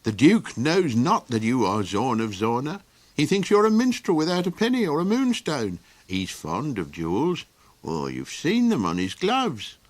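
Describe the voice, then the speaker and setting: With a mid-range voice that swings hugely in pitch, a man reads a storybook as a fretful, kindly creature. He muses haltingly, full of ums and chuckles, with no room sound on the recording.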